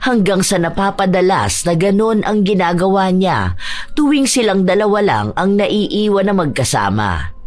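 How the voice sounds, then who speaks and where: A woman narrating a dramatized story in a steady, measured storytelling manner. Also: mid-range voice.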